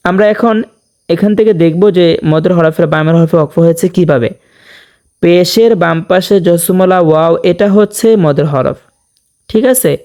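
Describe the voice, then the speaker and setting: A man teaching Quran recitation rules, explaining briskly and then chanting verses slowly and melodically. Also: high voice, darkish tone. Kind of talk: tajweed lesson with slow chanted recitation.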